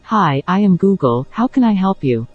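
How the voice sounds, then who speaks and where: A man voicing a polite, flat-sounding male voice assistant in a comedy sketch. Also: high-pitched, normal speed, dry recording, muffled recording, faint music behind, pitched above the performer's own voice.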